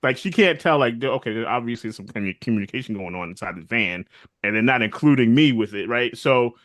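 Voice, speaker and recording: A man co-hosting a casual podcast recap of a TV series, animated and often acting out characters' lines. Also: medium pitch, fast talker, no room sound. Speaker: podcast co-host.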